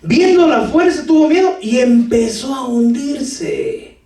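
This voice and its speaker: A man preaching a lively sermon to his congregation with jokes, sudden shouts and talk of brothers. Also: very high voice, takes it slowly, creaky. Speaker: pastor. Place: church hall. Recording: echoey church hall from far off.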